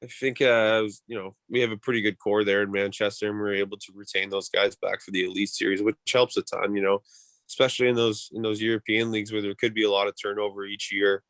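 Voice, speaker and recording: Man, low voice, fairly steady intonation, casual interview answers, laid-back rambling delivery, close dry sound. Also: quick pace, no room sound. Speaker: professional ice hockey player being interviewed.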